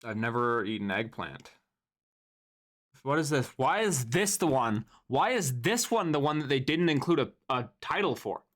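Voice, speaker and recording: A young man streaming live, talking casually with a lively, bouncing pitch that swings up and down. He rants, swears freely and mutters asides into his microphone. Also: moderate pace. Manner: animated, profane ranting. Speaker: livestreamer. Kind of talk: casual livestream commentary.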